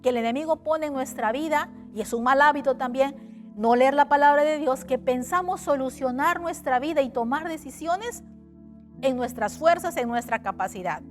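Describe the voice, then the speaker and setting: A woman's voice: high-pitched, normal speed, soft background music. A woman preaching an online church sermon in an earnest manner, now and then acting out complaining voices.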